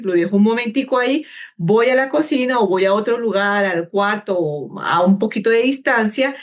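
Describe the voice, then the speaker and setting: A woman clinical psychologist talking through parenting advice in an interview. Her delivery is calm and measured, and she draws words out slowly to model a breath. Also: a little high. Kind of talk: calm explanatory interview talk.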